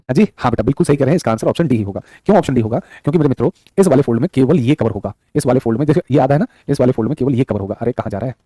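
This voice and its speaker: Rapid-fire man teaching a live class. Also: mid-range voice, lively intonation, dark tone, slightly rough, no room sound. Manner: repetitive and affectionate, calls students son and brother; reads viewers' chat aloud. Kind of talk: live online exam-prep class. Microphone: studio microphone.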